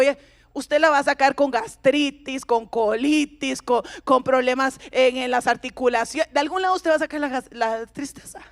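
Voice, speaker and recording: A woman pastor in middle age delivers a sermon with a high, light voice. She speaks in a conversational, confiding way and draws her congregation in with personal stories.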